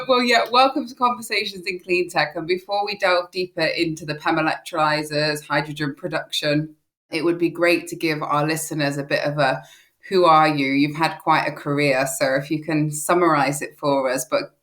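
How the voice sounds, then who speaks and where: A woman's voice: low voice, steady tone, normal speed, a bit bright. A woman hosting a podcast interview, upbeat and chatty, reading a scripted intro. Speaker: podcast host.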